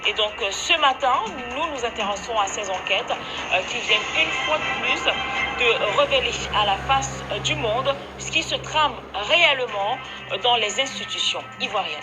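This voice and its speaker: A woman presents a news report in a somewhat high voice. She hesitates and uses many fillers. Music plays clearly behind her. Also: animated, moderate pace, poor audio.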